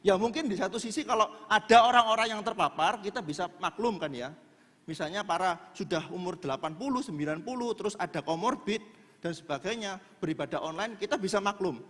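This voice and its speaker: A man's voice: sits high, expressive, brisk, fairly bright tone. A male preacher, giving a chatty sermon and joking with the congregation in a church. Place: church in a large hall. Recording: echoey church hall.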